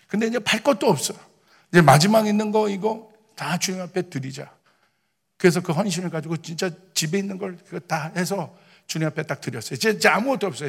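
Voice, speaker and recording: A middle-aged man preaches with a gravelly, fry-edged voice pitched a little high for a man. He tells his stories in hushed asides that build to loud, ringing declarations. The long reverb of a large hall trails after every phrase. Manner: storytelling, swings from hushed asides to shouted proclamation. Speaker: pastor. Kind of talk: sermon with personal stories.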